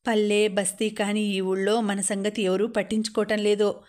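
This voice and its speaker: A woman voicing a worried, affectionate older mother in an audiobook, speaking softly and pleadingly. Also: medium pitch, level tone, normal speed, lightly acted. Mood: sorrowful.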